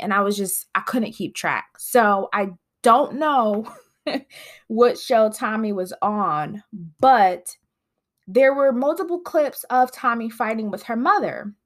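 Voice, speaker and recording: On the high side and a bit bright, this woman's voice sounds nasal because her sinuses are congested. She hosts her own podcast, chatting casually and rambling with frequent fillers.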